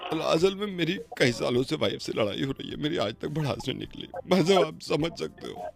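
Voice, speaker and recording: A man hosting a radio prank call, switching between begging apologies and loud scolding. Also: a little high, expressive, a little fast, creaky, soft background music. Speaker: radio host making prank calls.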